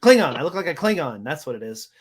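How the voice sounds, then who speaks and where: A man's voice: on the high side, very animated, fast, slightly rough. A man co-hosting a podcast in casual chat, joking at his own expense in a hesitant, rambling way. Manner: jokey, self-deprecating, hesitant rambling. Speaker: podcast co-host.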